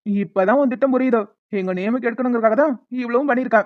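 A man playing a fast-talking tough young caterer. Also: very high voice, no echo, lo-fi sound. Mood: threatening. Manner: blunt and commanding. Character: tough young male caterer, quick to threaten.

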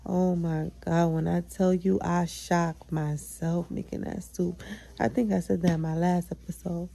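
A woman's voice: fairly low pitch, level tone, measured pace, creaky, dark tone, low-quality recording. A young woman hosting her own podcast, chatting casually and candidly about her day, swearing freely and hyping herself up. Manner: chatty, candid, profane, self-affirming. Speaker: podcast host. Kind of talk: casual solo vlog chat.

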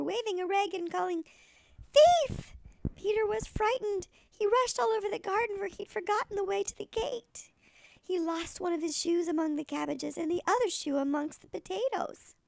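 A sweet older woman with a thin, creaky voice, reading a children's story expressively like a kindly storyteller. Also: very high voice, no echo. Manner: sweet old lady.

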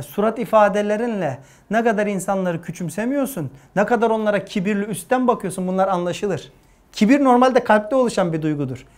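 A man teaching a religious lesson to young people, earnest and emphatic, rising to forceful stresses. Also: high voice. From Turkey.

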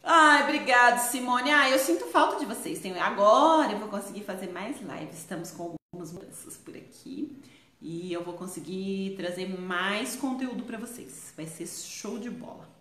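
A woman with a Brazilian Portuguese accent, teaching crochet on a live stream in her shop, chatty and quick to laugh. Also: medium pitch, expressive, bright, forceful tone, echoey room. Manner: chatty, laughs often, exclaims "ai, gente".

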